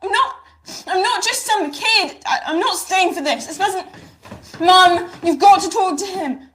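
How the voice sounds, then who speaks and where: A woman's voice: very high-pitched, a little slow, fairly bright tone. An actress playing a defiant fourteen-year-old girl arguing back with her father. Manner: defensive, indignant.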